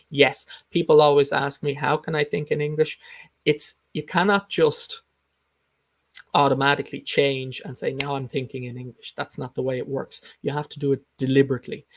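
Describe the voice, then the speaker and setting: A man's voice: medium pitch, vocal fry, no room sound. A man coaching English learners in an informal live lesson, explaining in an emphatic, instructive way and repeating his key points. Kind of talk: informal live teaching talk, explaining and answering comments.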